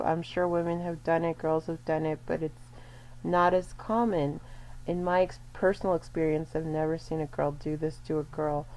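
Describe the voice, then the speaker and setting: A video creator with a lowish, dark-toned voice chats casually to camera in a commentary vlog. She rambles, corrects herself as she goes, and uses lots of fillers.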